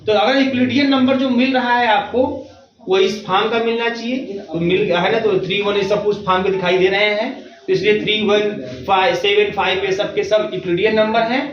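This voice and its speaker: A man's voice: high voice, fairly even intonation, brisk. A male math teacher giving a classroom lecture, talking students through each step with reassuring check-ins. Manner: reassuring, repeats checks like "theek hai na". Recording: roomy, distant, dull recording.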